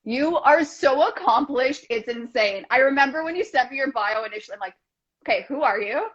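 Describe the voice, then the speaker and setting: A woman in her thirties chats as a guest over a video call, effusive and gushing as the words tumble out in rushes. Her voice sits a bit high, and the call audio comes through dull and lo-fi. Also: expressive, fairly bright tone. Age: 30s. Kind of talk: casual video chat.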